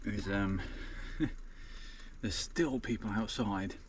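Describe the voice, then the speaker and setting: A man's voice: fairly low pitch, drawn-out words, slight background noise. A man chatting casually to camera from inside a small parked van, rambling with lots of ums. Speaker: van-life vlogger.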